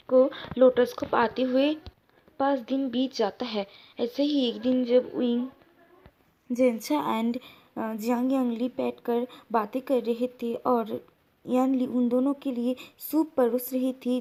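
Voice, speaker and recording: A woman's voice: on the high side, warm tone, slight background noise. A woman narrating her own fan fiction in a casual storytelling way, with fillers and restarts. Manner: casual storytelling mixing Hindi and English, with fillers. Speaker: fanfiction narrator. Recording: tinny phone-like audio.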